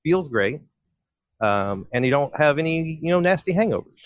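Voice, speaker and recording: A man's voice: on the high side, moderate pace, no echo. Wry man on a dry mic. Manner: relaxed, wry asides. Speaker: podcast host. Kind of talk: casual chat.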